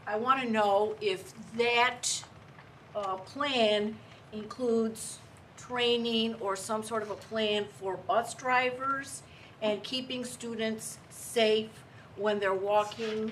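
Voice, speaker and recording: A woman giving an earnest, insistent public comment as a member of the community addressing a board. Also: on the high side. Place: indoor board meeting room. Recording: distant mic, faint room noise.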